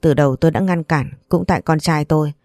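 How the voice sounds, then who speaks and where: A woman's voice: low voice, quick pace, mellow, no echo, studio quality, soft background music. Woman voicing a scolding older mother-in-law. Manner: harsh, scolding, accusing.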